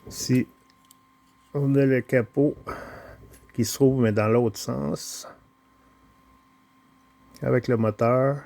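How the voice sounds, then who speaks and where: Homme lent à l'accent québécois. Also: male voice, mid-range voice, steady tone, creaky, a little mellow. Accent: Quebec French. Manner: slow, hesitant, full of pauses and filler sounds. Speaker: toy car collector showing his collection. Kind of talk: casual unboxing vlog.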